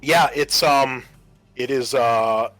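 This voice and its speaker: Acting as game master and host, a man narrates a tabletop game casually, his phrasing informal and hesitant. His medium-pitched voice is slow and a bit bright, with faint music playing underneath.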